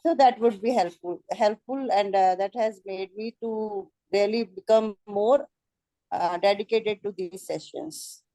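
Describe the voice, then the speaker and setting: A woman with an Indian accent sharing her experience in a group session, speaking haltingly with many fillers, mostly in English with some Hindi. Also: medium pitch, mellow, no echo, low-quality recording.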